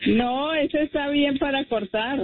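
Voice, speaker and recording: A woman in her sixties from Colombia, calling in to a radio show, cheerful and quick-witted. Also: sits high, no room sound. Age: 60s. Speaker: caller, hairdresser. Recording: tinny phone line.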